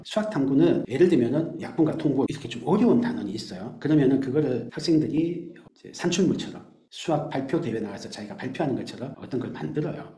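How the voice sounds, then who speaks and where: Fast-talking man teacher, echoey room. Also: medium pitch. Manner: brisk, animated explainer who acts out teachers and students. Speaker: math academy teacher. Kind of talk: explaining class methods to parents.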